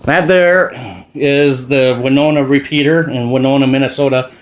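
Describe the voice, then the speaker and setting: An American amateur radio operator and father of about forty chats casually to camera indoors at his home radio station, explaining things in an informal, rambling way. His mid-range voice is fairly even in intonation and at normal speed, and the recording is rough.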